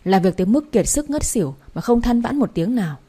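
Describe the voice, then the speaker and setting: Lady reading as a calm young husband, level questions, soft husky voice. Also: fairly high pitch, fairly quick. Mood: concerned.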